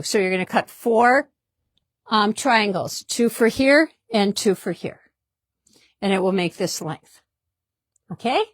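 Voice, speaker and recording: In a fabric shop, a woman casually chats while showing products, her somewhat high voice upbeat and a bit bright. She tends to repeat herself, and the recording is dry and close with no echo.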